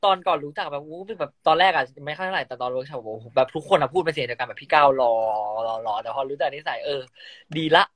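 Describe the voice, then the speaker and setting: A man's voice: on the high side, fairly bright tone. A young man from northern Thailand, chatting casually and giggly on a phone live stream as an actor guest. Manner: chatty, giggly, quick teasing banter.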